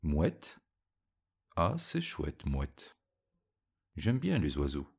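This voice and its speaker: A man voicing a proud, playful cat king in a storybook, with a gravelly, husky voice and an offhand manner. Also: very deep voice, wildly swooping pitch, slow pace, heavily acted.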